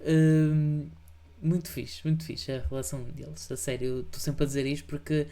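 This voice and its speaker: A man with a European Portuguese accent chats casually while reacting to videos, repeatedly and insistently urging viewers to like and subscribe. His voice is somewhat high, warm, and even, at a moderate pace.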